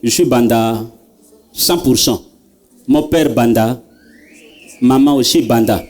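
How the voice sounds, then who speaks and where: A man's voice: medium pitch, slow. A man doing stand-up comedy, telling stories and talking straight to the audience. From Central African Republic. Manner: animated storytelling, addresses the audience directly.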